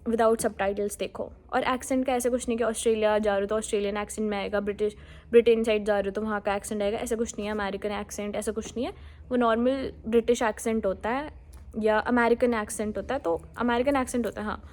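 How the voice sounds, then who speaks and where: This woman talks quickly in a steady, mid-range voice with a darkish tone. She gives casual, friendly exam-prep advice directly to viewers, speaking Hindi mixed with English words in a direct way.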